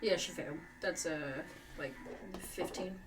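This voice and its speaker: A woman's voice: low voice, a little slow. A woman talking casually as a player at a tabletop role-playing game. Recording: distant mic, loud music behind.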